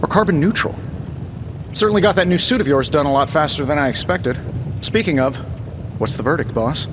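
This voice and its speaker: A man's voice: fairly high pitch, highs cut off, background noise, lightly acted. A man voicing a cocky, wisecracking inventor superhero in a video game, glib and sarcastic. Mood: breezy, wry. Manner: glib, sarcastic, quick-witted. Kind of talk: video game dialogue acting.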